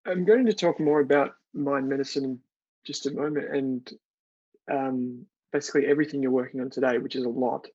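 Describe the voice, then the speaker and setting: A man's voice: mid-range voice, steady tone, fairly quick, warm tone, husky, highs cut off. An Australian man hosting a podcast, asking casual, hesitant questions with fillers. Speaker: podcast host. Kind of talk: interview conversation.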